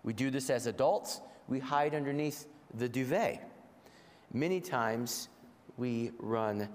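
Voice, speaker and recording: Gravelly, congested man preaching in echoey hall. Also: mid-range voice. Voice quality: gravelly from a head cold. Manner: measured, deliberate delivery with rhetorical repetition. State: congested with a head cold. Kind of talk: sermon to a congregation. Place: large reverberant room, speaking to a congregation. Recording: echoey hall with long reverb.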